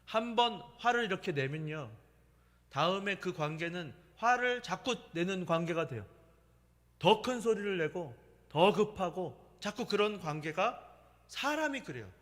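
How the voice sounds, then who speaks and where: A middle-aged male pastor with a fairly high voice preaches in a relaxed, anecdotal style. His pitch swings a great deal as he tells stories. His voice carries a long reverb from the church sanctuary. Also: measured pace. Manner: conversational storytelling preaching with laughter. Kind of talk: sermon.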